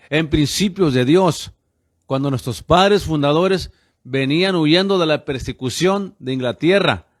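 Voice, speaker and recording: A man's voice: on the high side, no room sound, clean studio sound. A man in his fifties from the United States, a radio pastor preaching with fervent insistence and constantly addressing listeners as brothers. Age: 50s.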